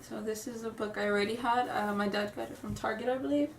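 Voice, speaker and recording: Fast and fairly high-pitched with fairly even intonation, a stuffy-sounding young woman with a cold rambles nervously through a casual vlog, apologizing and giggling. She's in a room at home, captured by roomy, distant home camera audio over a noisy background.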